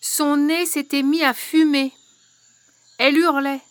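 A woman reading a children's fairy tale aloud in a lively, expressive way. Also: high voice, takes it slowly, no room sound. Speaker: storyteller. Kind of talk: storybook reading.

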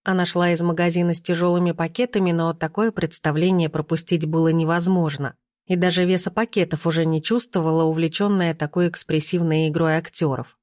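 A woman reading an audiobook aloud with slow, measured narration. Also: on the low side, fairly even intonation, a little mellow, no room sound, studio quality. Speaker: audiobook reader.

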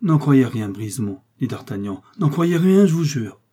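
A man's voice: mid-range voice, normal speed, warm tone, breathy edge, natural voice. Man voicing D'Artagnan, an ardent young hero. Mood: pleading. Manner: urgent, earnest, raised voice.

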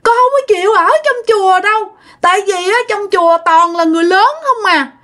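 A woman's voice: extremely high pitch, brisk, a bit bright, voice pushed up. A woman putting on a whiny crying toddler ghost. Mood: sobbing, sulky. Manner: whiny, sobbing, childlike. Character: sulky crying toddler spirit speaking through a medium.

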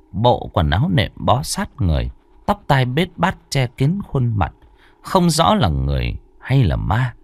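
A man's voice: medium pitch, a little mellow, no room sound. Dramatic male ghost-story narrator, wide-ranging. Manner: suspenseful, vivid storytelling cadence.

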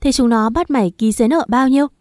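A woman voicing a brash, foul-mouthed older friend in an audio story, speaking loudly, impatiently and with constant scolding. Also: fairly high pitch, quick pace, no room sound, clean studio sound, voice pushed up, natural voice.

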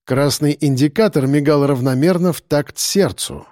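A man narrating an audiobook in a measured, steady manner. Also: on the high side, dry recording, clean studio sound.

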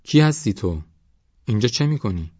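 A man's voice: lowish voice, very animated, a little mellow, breathy edge, no echo, muffled recording, voice pushed up. A man voicing a blunt old shepherd who scolds a careless young man in a raised voice. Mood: scolding.

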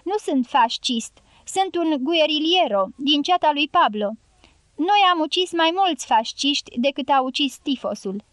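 A desperate young guerrilla fighter calls out across the dark in pleading shouts, as a woman reads him aloud. The voice sits high and strained, and it sounds close and dry with no room around it. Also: lively intonation, no room sound. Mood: insistent.

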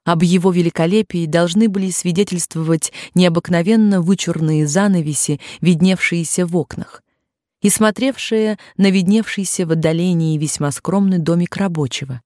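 A woman narrates an audiobook in a measured, steady reading. Her voice sits low and sounds mellow. The recording is dry and close. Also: no room sound.

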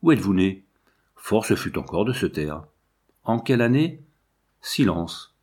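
A man's voice: fairly low pitch, sing-song, measured pace, darkish tone, slightly rough, exaggerated voice. A man reading aloud and voicing a grave, officious country gendarme who questions children. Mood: stern. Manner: grave, interrogating.

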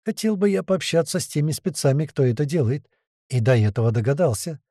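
A man voicing a tense scientist who shouts urgent warnings in an audiobook. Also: fairly high pitch, expressive, a little fast, no echo, clean studio sound. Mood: puzzled. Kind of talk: audiobook character voice.

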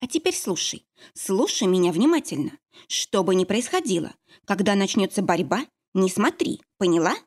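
Audiobook: hard-edged young woman giving orders, read by a woman, growling, with a lively voice. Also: medium pitch, normal speed. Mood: fierce. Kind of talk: audiobook character voice.

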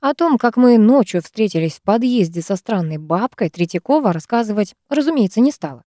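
A woman narrating a first-person novel as an audiobook, with a lively, expressive reading. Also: mid-range voice, brisk, no room sound, clean studio sound.

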